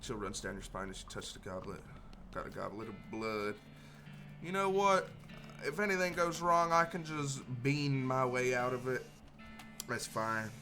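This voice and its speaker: A man with a mid-pitched voice plays through a video game and comments casually. He mumbles little asides and reads game text aloud, with music behind him. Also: little pitch movement, a little slow.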